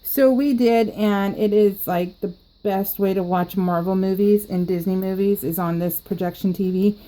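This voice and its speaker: In her planner crafting vlog, a woman rambles and giggles, laughing often and restarting her sentences. Her medium-pitched voice is warm and steady at normal speed, though the audio quality is poor.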